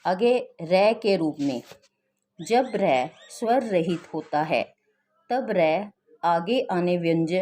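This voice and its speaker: A woman teaches a grammar lesson to young pupils, pacing each example word out slowly and deliberately. Her voice sits a little low and sounds mellow and warm. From India. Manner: slow, deliberate, reads out example words one by one. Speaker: school teacher. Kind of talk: recorded grammar lesson for children.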